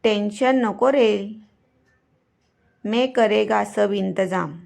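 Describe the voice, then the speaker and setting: A woman's voice: medium pitch, slow, creaky, darkish tone. A woman voicing a cheeky young male roommate who coaxes and teases his friends in a spoken story. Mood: coaxing. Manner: coaxing, teasing banter.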